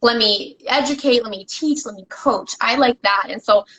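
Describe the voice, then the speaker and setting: A woman guest on a podcast, talking as a business coach in an energetic, emphatic, motivational way, often repeating herself for stress. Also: a little high, moderate pace, slightly rough, low-quality recording. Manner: energetic and emphatic, with repetitions and restarts. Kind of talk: motivational casual conversation.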